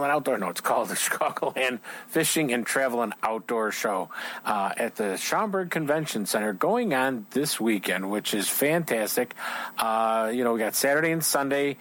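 A man's voice: mid-range voice, fairly bright tone. A man hosting an outdoors show, chatting casually with a guest at a trade show, rambling with lots of fillers.

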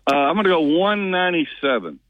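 A man's voice: on the high side, sing-song, fairly quick, no echo. A man calling a sports talk radio show from outside in his yard, stammering and repeating words, over a tinny phone line. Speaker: caller. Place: outdoors in a yard.

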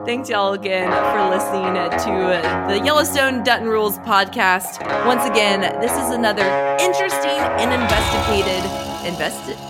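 A woman's voice: mid-range voice, normal speed, few pauses, over loud music. A woman co-hosting a podcast in casual chat, laughing often and rambling as she loses her words. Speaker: podcast co-host.

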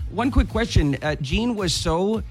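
Man, slightly higher voice, earnest and halting radio guest. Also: expressive, darkish tone, soft background music. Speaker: guest, former colleague. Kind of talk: live radio talk.

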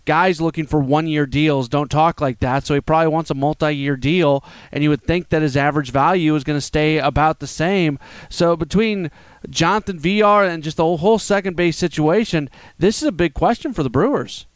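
Guy guest writer breaking down the season, kinda high smooth voice, straight to the point. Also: moderate pace, no room sound. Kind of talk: casual baseball talk.

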